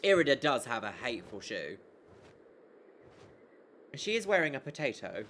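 A woman's voice: a bass voice, very animated, normal speed, fairly bright tone, a little hiss or hum. Joking Essex woman streaming a game. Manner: joking, reads dialogue in silly voices. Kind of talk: game playthrough commentary.

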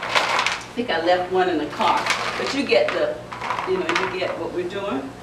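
A woman's voice: lowish voice, normal speed, heavy background noise. A middle-aged woman who runs a children's center, chatting through a casual how-to demonstration, often restarting her sentences. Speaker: founder and director of a center for children. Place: large indoor playroom. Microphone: camera microphone from across the room. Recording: echoey room heard from a distance.

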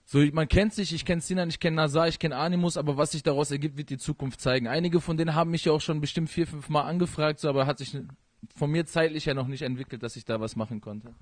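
A young man from Iran, born there and raised in this country, answers interview questions into a handheld mic. He rattles along quickly in loose run-on sentences full of fillers, with a slightly high voice. The sound is close and dry. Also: fairly even intonation, no room sound. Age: young adult. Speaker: rapper being interviewed. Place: living room at home, indoors.

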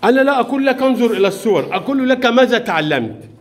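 A man teaching young pupils in a classroom, patiently quizzing them with questions, praising them and gently scolding them. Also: very high voice, expressive, rapid-fire, slight background noise. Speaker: primary school teacher.

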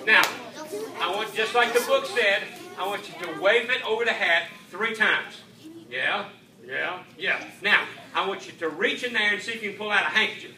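Middle-aged male kids' party magician, high voice, playful exclaiming patter, heard from across a room with an audience. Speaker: children's magician. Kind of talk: live stage magic show for children. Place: school library room, indoors. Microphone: camera at a distance. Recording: echoey room, distant camera, audience noise. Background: audience of children.

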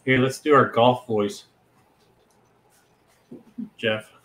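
A man's voice: mid-range voice, steady tone, drawn-out words, a bit bright, low-quality recording. A man watching a board game, throwing in joking, teasing remarks in casual banter. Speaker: onlooker at a game.

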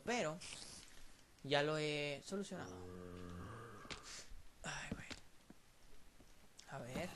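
A man's voice: fairly high pitch, background noise. Profane Mexican guy narrating his gameplay. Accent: Mexican Spanish. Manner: profane, excitable, talks to viewers while playing. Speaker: gameplay channel host. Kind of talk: casual game commentary.

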